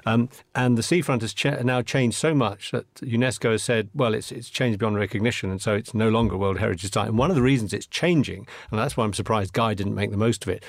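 A man's voice: on the low side, no echo. A man from Scotland, a studio guest on a radio show, talking in a chatty, rambling way with many restarts. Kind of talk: casual radio chat.

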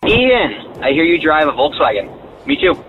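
A man's voice: on the high side, huge pitch swings, measured pace. A man leaving a chummy, upbeat voicemail over a phone line. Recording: tinny phone line with road noise.

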